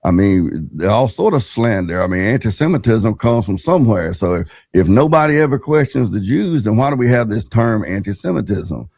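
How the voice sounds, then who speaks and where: A man's voice: lowish voice, very animated, moderate pace, creaky, hardly any pauses, a little mellow. A middle-aged man giving wry, rambling casual commentary on a panel, with chuckling asides. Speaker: panel guest.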